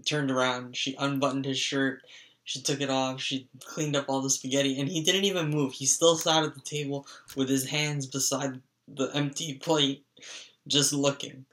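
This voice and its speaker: A man's voice: medium pitch, flat delivery, normal speed, a bit bright. A young man telling casual, profane stories, rambling with constant fillers. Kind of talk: casual storytelling monologue.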